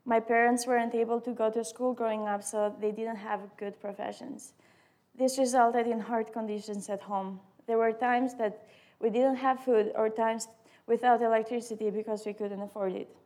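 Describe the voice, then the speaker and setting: A woman's voice: on the high side, fairly even intonation, moderate pace, darkish tone. A woman in her early twenties with an Albanian accent, a non-native English speaker reading her personal testimony aloud. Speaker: student sharing testimony.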